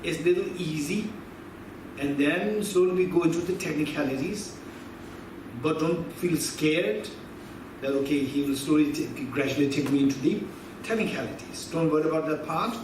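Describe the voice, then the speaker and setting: A man in his fifties, voice on the high side and at normal speed, gives a conversational Buddhist philosophy teaching, quizzing the audience and repeating key phrases. He is recorded from far off in an echoey hall with background noise.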